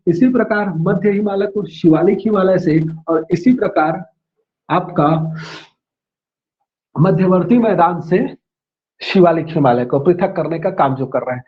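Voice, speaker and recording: A man with a fairly high voice gives a classroom lecture. He repeats each term slowly and spells it out, then checks with his listeners before going on. The sound is dull and lo-fi, like a low-grade online class recording. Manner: checks in with "है ना" and "ठीक है". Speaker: teacher.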